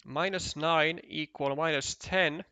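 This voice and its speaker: A man's voice: on the high side, steady tone, slow pace, sharp tone, smooth, no echo. A man commentating a competitive board game match, thinking aloud, counting tiles and often restarting his sentences. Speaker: esports commentator.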